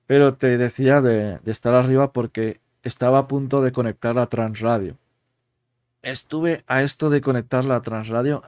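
Man, paranormal show host, mellow dark voice, dry close sound. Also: mid-range voice, no room sound. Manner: explains at length, admits playful mischief. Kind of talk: conversational storytelling.

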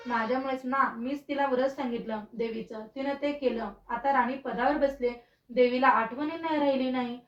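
A woman's voice: sits high, steady tone, normal speed, lightly acted. A woman voicing a goddess disguised as a poor old woman who scolds bitterly, in a roomy, distant recording. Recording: roomy, distant, dull sound.

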